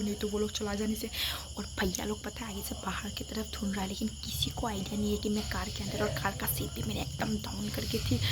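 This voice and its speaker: A young woman vlogging casually from a parked car at night, often dropping to a whisper. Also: medium pitch. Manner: often whispers while hiding. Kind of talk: casual vlog. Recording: phone audio with loud night insect noise.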